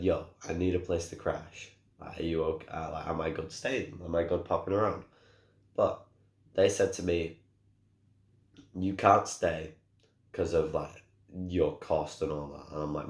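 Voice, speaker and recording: A young man with a hoarse, cracking, very deep voice, talking casually and rambling in a vlog about being ill. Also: a little mellow, echoey room. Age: young adult. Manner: rambling, restarts often, apologetic. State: hoarse, sore throat. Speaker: gaming YouTuber.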